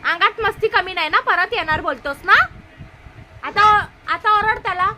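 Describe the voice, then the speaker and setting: A woman's voice: extremely high pitch, moderate pace, noisy background. A woman with a Marathi accent playing an aunt in a family comedy sketch, scolding and arguing sharply.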